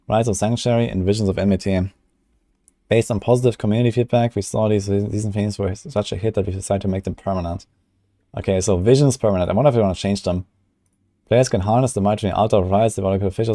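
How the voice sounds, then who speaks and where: A man's voice: on the low side, dark tone, no echo. A young man streaming casually, rambling with lots of fillers as he reacts to game patch notes. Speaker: gaming streamer. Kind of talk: casual livestream commentary.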